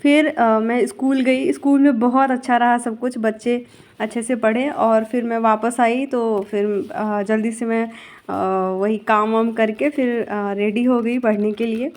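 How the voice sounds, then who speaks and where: A woman teacher talks over her own study vlog in a loose, chatty way. She rambles and stops to fix her own words as she goes. Her voice sits a touch higher than most. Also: little pitch movement, unhurried, a little mellow. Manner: chatty, rambling, self-correcting. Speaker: school teacher.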